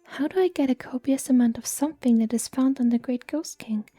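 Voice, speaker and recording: A woman's voice: sits high, brisk, mellow, no echo. A woman voicing a poor, clever young mortal man who asks things politely and earnestly, as whispered role-play.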